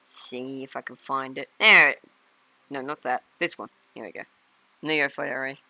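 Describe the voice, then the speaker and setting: A man's voice: medium pitch, measured pace, pushed and bright. A man giving casual, joking and sometimes profane livestream commentary on games. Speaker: streamer and game developer.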